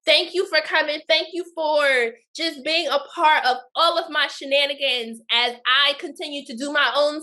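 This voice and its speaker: A woman hosting a live talk show, chatting playfully with a guest and joking in church style, her voice a bit hoarse. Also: high-pitched, sharp tone. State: slightly hoarse. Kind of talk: casual live chat.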